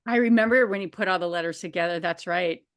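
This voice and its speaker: A woman in her forties hosting a casual conversation about behavior analysis, animated and quick to laugh. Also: fairly low pitch. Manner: animated, laughs often, acts out quotes.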